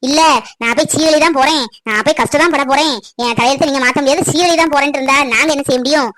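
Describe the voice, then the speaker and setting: Woman voicing a cartoon mother, middle-aged, scolding, sharp, quick talker. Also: sits high, dry recording. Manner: sharp, scolding, fast outbursts. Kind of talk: cartoon family drama voicing.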